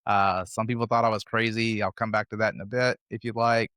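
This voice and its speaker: A man's voice: on the low side, little pitch movement, brisk, fairly bright tone, clear, resonant tone, dry recording, clean studio sound. An American man in his fifties, a podcast guest telling his travel stories in a rambling, conversational way. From United States. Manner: rambling, conversational, loosely strung anecdotes. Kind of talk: casual interview storytelling.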